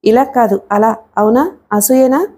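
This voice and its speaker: A woman's voice: fairly high pitch, measured pace, dark tone. A woman reading a teasing teenage schoolgirl. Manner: playful, teasing. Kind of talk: audiobook character reading.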